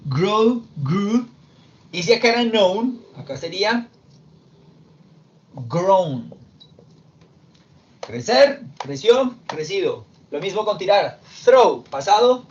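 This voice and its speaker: A man teaching English verb forms, explaining slowly and step by step in Spanish with English examples. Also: high-pitched, very animated. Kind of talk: recorded classroom lesson. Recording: dull lo-fi sound with faint background noise.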